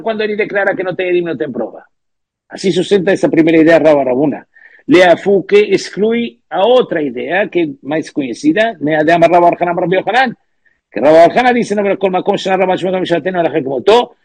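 A man teaching a religious text lesson, reading out source phrases and explaining them with halting restarts. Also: high voice, dry recording.

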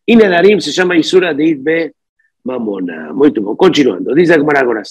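A man's voice: fairly high pitch, very animated, fairly quick, slightly rough. A man teaching a study lesson. He reads phrases aloud, then explains them, and slips Portuguese words into his talk. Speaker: Talmud teacher.

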